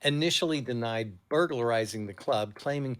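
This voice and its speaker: A man's voice: mid-range voice, moderate pace, fairly bright tone, clean tone. A man co-hosting a podcast, reading odd crime news stories aloud and laughing often. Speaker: podcast co-host.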